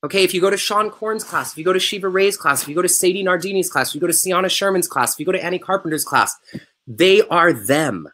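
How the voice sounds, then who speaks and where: A man hosting a live webinar as a yoga business coach. He teaches and pitches in a casual, emphatic way and repeats his key phrases. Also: lively intonation, fast, fairly bright tone. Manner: casual and unpolished by choice.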